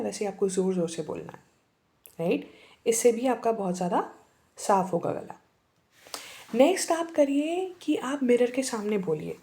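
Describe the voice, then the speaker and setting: Woman, English teacher, slightly high voice, casual lesson, English words mixed in. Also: warm tone. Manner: mixes English words into the talk, demonstrates accents.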